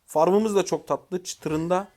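Excitable young man calling out gameplay. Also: high-pitched, slow. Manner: excitable, shouting commands at teammates, frustrated venting. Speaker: gaming YouTuber. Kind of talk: live gameplay commentary.

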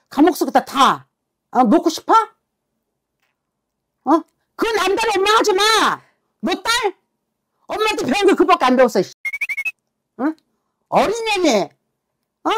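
A woman fortune teller tearing into a client with a high voice that swoops up and down. She swears freely, scolds without letting up, and keeps firing short demands for an answer. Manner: harsh, swearing, berating. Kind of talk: scolding a client during a consultation.

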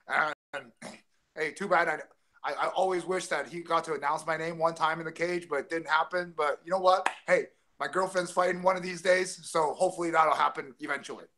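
This guest, a man in his forties from Taiwan who used to be a fighter, spins casual stories for an interview on a video call, often restarting and using fillers. He sits close to his webcam in a home room with a framed jersey, and his voice is on the high side, steady, fairly quick, pushed and bright.

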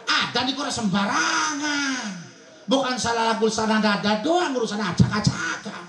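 A man's voice: extremely high pitch, moderate pace, sharp tone. A man with a Serang Javanese accent giving a comic sermon at a wedding gathering, laughing often and acting out villagers. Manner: jokey, laughing, acts out villagers. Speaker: preacher. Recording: echoey event sound system.

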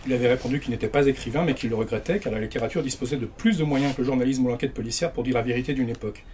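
A man reading extracts of a novel aloud at a bookshop event, steady and unhurried in tone. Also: medium pitch, a little hiss or hum. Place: bookshop reading before an audience.

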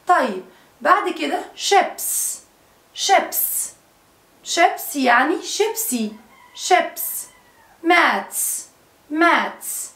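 A woman with an Egyptian Arabic accent teaching children a phonics lesson, repeating each word and asking the children questions. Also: high-pitched. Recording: echoey room.

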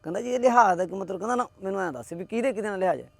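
A man rattles off a village folk tale at a breakneck pace, his voice pitched high. he keeps slipping into the characters with a string of "he says", in a rustic, homely way. the sound is close and dry, with no room around it. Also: creaky, no room sound. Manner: rapid rustic telling, constant "he says" quoting. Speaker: storyteller.

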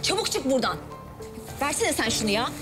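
A woman's voice: sits high, big pitch swings, a little fast, over music. A haughty, bossy rich girl. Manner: contemptuous, commanding. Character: spoiled rich young woman, haughty and bossy. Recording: TV drama with loud score underneath.

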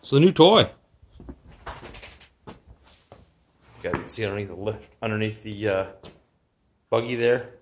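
A vlogger with a lowish, expressive voice wanders his garage and yard, partly outdoors, recording on the phone in his hand. He rambles in an offhand way with fillers, unhurried and pausing often, over slight background noise.

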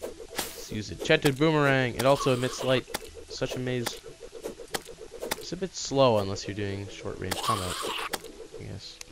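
A man's voice: medium pitch, unhurried, long pauses, heavy background noise. A man hosting a gaming channel, rambling through casual gameplay commentary and often correcting himself mid-sentence. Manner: rambling, chatty, self-correcting. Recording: loud background game music.

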